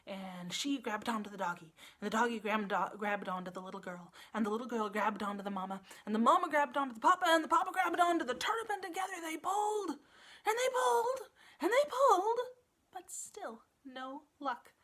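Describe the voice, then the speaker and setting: With a high voice and a brisk pace, a librarian animatedly reads a children's story, using emphasis and repetition to build the drama.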